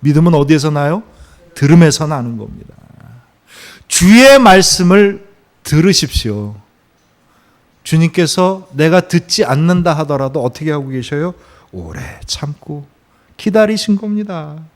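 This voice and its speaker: A man preaching a Sunday sermon as pastor, telling stories with acted quotes, rising to emphatic peaks and dropping to slow, soft phrases. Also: a little high, animated.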